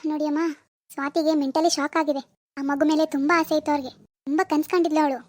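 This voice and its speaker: A calm cartoon doctor explains things patiently and reassures the worried parents, voiced by a woman. The voice is very high and brisk. The recording is dry and close. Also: no room sound, natural voice. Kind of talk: Kannada cartoon voice acting.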